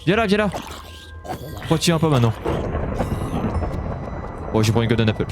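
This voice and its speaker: A man giving loud, jumpy commentary while playing a horror Minecraft mod, yelping when startled and swearing at the monsters. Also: medium pitch, very animated, a little fast, music in the background. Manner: talks to the game monsters. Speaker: gaming YouTuber. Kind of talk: live Minecraft let's-play commentary.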